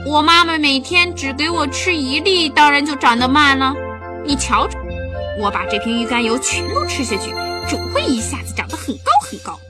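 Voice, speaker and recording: A woman's voice: high-pitched, animated, moderate pace, over music, pitched above the performer's own voice. A woman voicing an eager, boastful little boy in a bedtime story.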